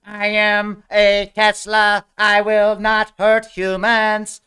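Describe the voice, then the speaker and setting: A man voicing a glitching, malfunctioning male helper robot that stutters and shouts robotic lines as a comic bit. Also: high voice, completely flat delivery, slow, clean tone, pitched above the performer's own voice, exaggerated voice. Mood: robotic monotone. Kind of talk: comic bit in a solo talk show.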